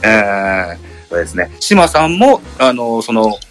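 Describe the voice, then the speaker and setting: A man chatting casually on a podcast in a polite, measured way, with many pauses and fillers. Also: on the low side, sing-song, fairly bright tone, soft background music. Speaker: podcast co-host. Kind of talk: casual chat.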